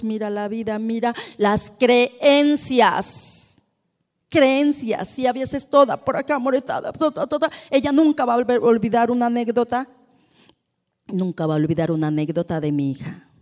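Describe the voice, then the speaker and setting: A middle-aged woman with a Mexican accent gives an expressive motivational talk to a live audience, acting out the people in her stories. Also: a little high, normal speed. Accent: Mexican Spanish. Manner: expressive storyteller who acts out dialogue. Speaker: presenter and speaker. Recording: long hall reverb.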